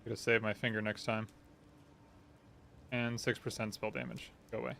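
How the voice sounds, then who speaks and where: A man's voice: on the low side, flat delivery, moderate pace, fairly bright tone. A man giving casual, off-the-cuff livestream commentary while playing a video game. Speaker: game streamer. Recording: clearly noisy game ambience behind.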